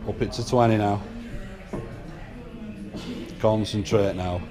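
An Englishman with a northern accent films himself coaching in a large gym, barking short commands and counting reps. His voice is lowish, steady and slow, with music playing over the gym.

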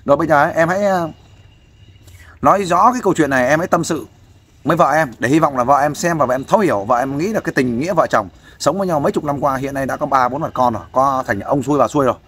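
A man's voice: a little high, fast talker, fairly bright tone, breathy edge. A man giving fatherly, persuasive advice in a casual interview, often asking for agreement. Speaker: volunteer counselor interviewing a guest.

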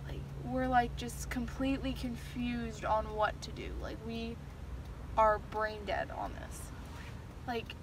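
A woman's voice: a little high, slow pace. A young woman vlogging from a car into a phone at arm's length, talking casually with lots of fillers and an exasperated tone. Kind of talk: casual vlog chat. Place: inside a car. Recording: car noise behind.

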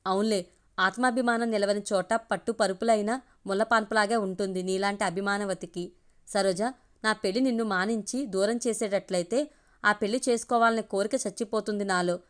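Audio story: a woman doing a pained, earnest young man, mid-pitched. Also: fairly quick, a little mellow, lightly acted. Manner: pained, emotional pleading.

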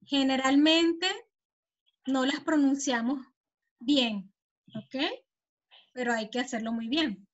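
A woman with a Venezuelan accent leads an online Spanish lesson in a high voice with fairly even intonation, going slowly and leaving long pauses. She explains patiently and checks on her students' understanding; the muffled sound comes from a computer mic on a video call.

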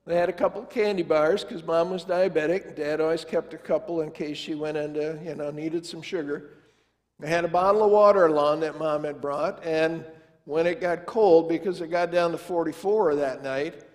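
An older man with a fairly high, slightly mellow voice preaches as a pastor, telling a family story in a folksy, conversational manner and acting out the dialogue. He stands before the altar of a large church sanctuary, and the storytelling sermon carries a long church reverb.

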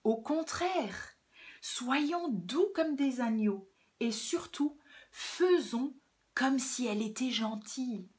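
A gentle, sly old grandmother from a children's storybook, voiced by a woman in a soft, soothing tone and a high register. She takes her time with each phrase. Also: expressive, slow pace.

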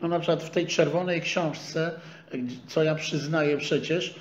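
A man in his sixties giving a measured, scholarly lecture in a small room, caught by a distant camera. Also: on the high side, fairly even intonation. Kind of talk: academic lecture. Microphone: far camera. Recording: echoey room, dull sound, faint hiss.

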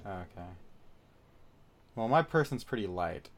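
A man's voice: on the low side, lively intonation, measured pace. A man giving casual, joking commentary while playing a video game. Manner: joking, chatty, reacts to the game. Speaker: gamer playing through a game.

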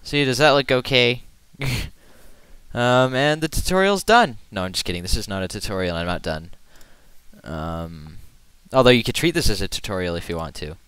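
A man's voice: low-pitched, expressive, brisk, fairly bright tone, smooth, no room sound. A man casually talking through a drawing as he works, rambling and poking fun at himself, humming now and then. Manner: rambling and self-deprecating, hums to himself while working. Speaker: artist narrating his drawing. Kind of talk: casual screen-recorded drawing commentary.

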